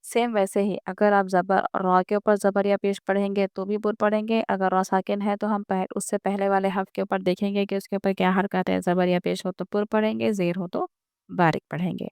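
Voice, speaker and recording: Patient woman teacher, crisp dry voice. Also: medium pitch, level tone, darkish tone, no room sound. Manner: patient, repeats each rule, draws out example words slowly. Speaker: Quran reading teacher. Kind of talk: step-by-step beginner lesson.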